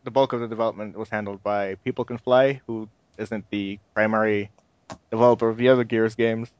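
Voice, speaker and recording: A man's voice: fairly low pitch, fairly even intonation, a little fast, a little mellow, clear, resonant tone, muffled recording. A man co-hosting a casual video game chat show, laid-back and trailing off into shrugs. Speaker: podcast co-host.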